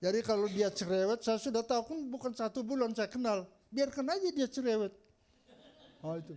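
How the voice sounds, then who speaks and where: A man's voice: very high-pitched, a little fast, darkish tone. A male pastor giving a chatty, humorous storytelling sermon in church, often laughing as he tells anecdotes.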